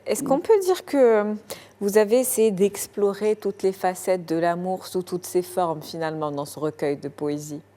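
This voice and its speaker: A woman's voice: lowish voice, moderate pace, warm tone. A woman hosting a TV culture interview in a studio, formal and polished in her introductions, with occasional hesitant fillers in her questions. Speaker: TV culture show host.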